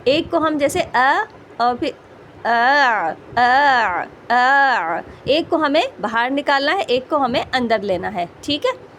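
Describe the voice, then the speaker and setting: A woman's voice: sits high, lively intonation, slight background noise. A woman teaching Quran recitation rules, patiently explaining and often checking that her students follow. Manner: patient, repeats "ٹھیک ہے؟" checks, slows to model sounds. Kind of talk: explanatory tajweed lesson.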